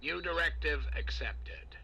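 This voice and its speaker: A man voicing a self-assured male computer president in a video game, reading out computer processing announcements in a polished, measured way. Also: fairly high pitch, vocal fry, sharp tone, husky, lo-fi sound, full character voice.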